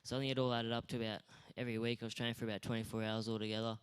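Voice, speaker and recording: A man's voice: mid-range voice, little pitch movement, rapid-fire, clear, resonant tone. A young Australian man being interviewed on stage at a school awards night, talking in a modest, laid-back, rambling way. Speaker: guest athlete.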